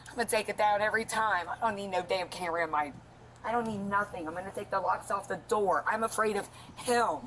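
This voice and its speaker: A woman's voice: medium pitch, fast talker, fairly bright tone. An agitated woman talking to police outside a house, profane and rambling, picked up by a police body camera. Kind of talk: agitated body cam conversation. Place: outdoors at a house. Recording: noisy body cam audio.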